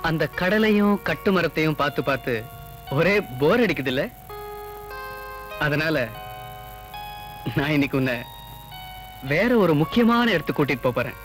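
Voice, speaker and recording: A young man speaks softly and coaxingly to his beloved in a film romance, as an actor plays the suitor. His voice sits a little high, and clear background music plays under the dialogue. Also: lively intonation, moderate pace, pauses often, lightly acted. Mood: tender. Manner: gentle, coaxing. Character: young wealthy man courting a village girl, tender and coaxing. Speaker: romantic lead, suitor of a fisherwoman.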